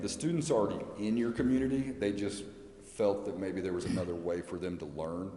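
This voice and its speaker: An American man with a deep, warm voice represents a school before a city council, answering questions at a public meeting. He explains haltingly and repeats words, recorded in a large, echoey council chamber with background noise.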